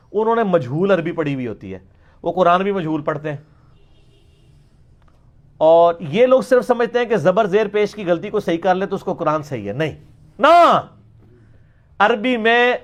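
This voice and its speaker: A man giving an emphatic question-and-answer lecture, repeating words to demonstrate how they are pronounced. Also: high-pitched. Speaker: religious lecturer.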